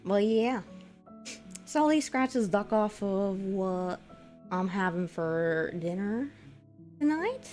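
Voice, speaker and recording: Animated yet slow, with long pauses and a slightly mellow sound, this VTuber in her twenties chats with viewers as faint music plays. She layers a lighter, feminized voice over her low one, rambling with giggles and fillers.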